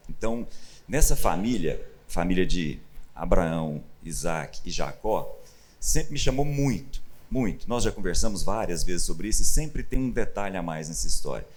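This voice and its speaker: Low-voiced Brazilian pastor teaching. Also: male voice. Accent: Brazilian Portuguese. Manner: animated, acts out quoted voices with rising emphasis. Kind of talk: conversational sermon teaching. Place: church stage.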